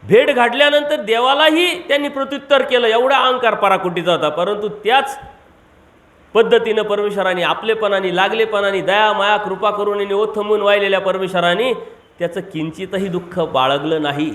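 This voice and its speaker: A monk delivering a devotional sermon, asking rhetorical questions and repeating key words for emphasis. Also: male voice, high-pitched, fairly even intonation, normal speed, a bit bright. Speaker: monk preacher. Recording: echoey room.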